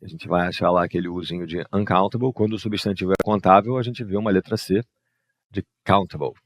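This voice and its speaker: Low-pitched and steady, a male English teacher talks fast as he patiently explains exercise answers on a screen share, frequently adding "né" and "ó." The studio sound is clean, with no echo.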